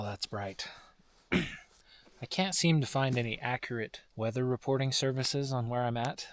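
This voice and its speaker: A man talking casually to camera as a solo camping vlogger, in a relaxed, understated way. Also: mid-range voice. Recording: clear background noise, small clicks.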